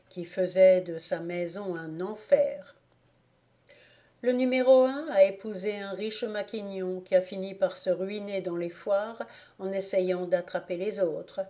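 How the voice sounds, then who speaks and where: A woman narrating an old storybook aloud, measured and expressive. Her voice is mellow and warm, sitting at an ordinary middle pitch. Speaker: audiobook reader.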